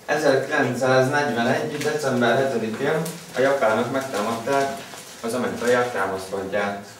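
A man's voice: medium pitch, lightly acted. A young man with a Hungarian accent playing an eccentric, bossy, easily exasperated history teacher in a comedy sketch, theatrical and abrupt. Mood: flustered, exasperated. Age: young adult. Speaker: history teacher in a school skit. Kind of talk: comic classroom lecture sketch. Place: school classroom, indoors. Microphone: camera mic from a few meters away. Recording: echoey classroom, distant camera mic, noisy.

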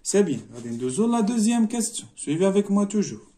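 Moroccan teacher, mellow, slow and repetitive. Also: male voice, sits high, very animated. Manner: explains step by step, repeating words slowly and switching between languages. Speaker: primary school teacher. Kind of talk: French lesson walkthrough mixing Moroccan Arabic and French.

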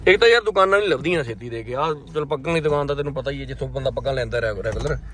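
A man's voice: mid-range voice, very fast, fairly bright tone. A man with a Punjabi accent from Indian Punjab, chatting casually for a family vlog in a jokey, teasing way and often repeating his phrases. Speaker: vlogger.

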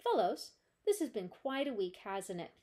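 A woman's voice: mid-range voice, big pitch swings, normal speed, noisy background, lightly acted. A woman voicing a cheerful female schoolteacher in a storybook read-aloud, speaking in a pleased, encouraging way.

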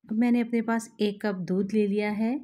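A woman host, calmly explaining a recipe step by step to her viewers in a voice-over. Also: medium pitch, moderate pace. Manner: calm, instructive, addresses viewers directly. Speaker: cooking channel host.

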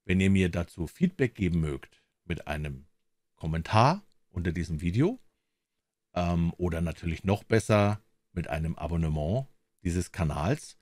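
Deep-voiced man reading a fairy tale. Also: dry recording. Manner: calm, measured. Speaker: storyteller.

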